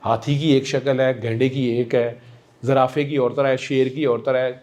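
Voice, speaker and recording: A man counseling a patient in a gentle, coaxing and affectionate way, repeating himself warmly. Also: medium pitch, little pitch movement. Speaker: spiritual healer counseling a patient. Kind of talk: one-on-one counseling session.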